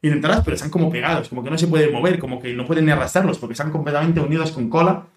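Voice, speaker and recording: A man's voice: fairly high pitch, rapid-fire, far from the mic. A man hypnotizing a guest, speaking in soothing suggestive patter. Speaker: hypnotist host. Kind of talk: guided hypnosis induction. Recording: roomy, off-mic.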